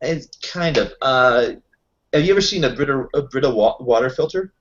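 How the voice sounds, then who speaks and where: Playing Kyle, a friendly self-employed tech contractor, a roleplayer improvises casual in-character chat. The mid-range voice is animated at a moderate pace, with a hesitant, rambling way of explaining, and the audio's highs are cut off.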